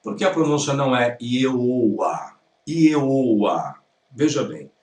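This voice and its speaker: A man's voice: mid-range voice, expressive, a little slow. A Brazilian man teaching Hebrew, correcting a video point by point and repeating the right pronunciations. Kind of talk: critical lecture commentary. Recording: roomy sound from a distance.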